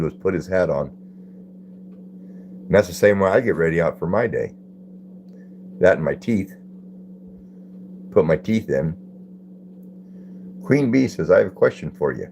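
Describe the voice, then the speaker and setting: A man's voice: low voice, expressive, unhurried, vocal fry, long pauses, darkish tone, a little hiss or hum. An older man hosting a live stream, chatting in a folksy way and greeting viewers by name as he reads their comments. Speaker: livestream host. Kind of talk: casual live-stream chat reading comments.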